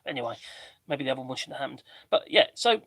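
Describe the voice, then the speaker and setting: A man with a slightly mixed Norfolk English accent and a squeaky voice, chatting casually and ramblingly as he hosts a livestream. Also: expressive, fast talker, a bit bright, dry recording. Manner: rambling, chatty, self-interrupting. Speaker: livestream host doing DIY work.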